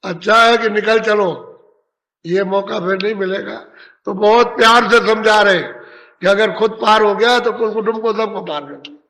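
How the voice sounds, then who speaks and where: High-voiced man preaching in an echoing hall. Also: normal speed, pushed and bright. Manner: admonishing, rhetorical, repetitive appeals. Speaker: spiritual preacher. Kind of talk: devotional sermon. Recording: long hall reverb.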